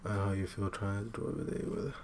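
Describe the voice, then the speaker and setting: Man, late twenties, very low voice, halting casual chat while drawing, faint room hum behind. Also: little pitch movement. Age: 20s. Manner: hesitant, many fillers and restarts. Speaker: art streamer.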